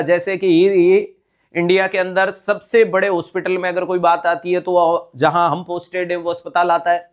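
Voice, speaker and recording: A man's voice: high-pitched, smooth. A man teaching a live online nursing exam class, explaining step by step, repeating key terms and checking that students follow. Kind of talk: online exam-prep lecture.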